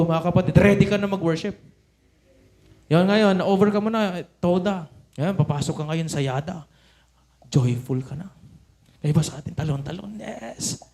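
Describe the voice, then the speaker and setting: Preaching in Tagalog mixed with English, this man has a high-leaning, darkish voice and often poses rhetorical questions to the congregation. He's in a church sanctuary, and the recording carries an echoey hall sound.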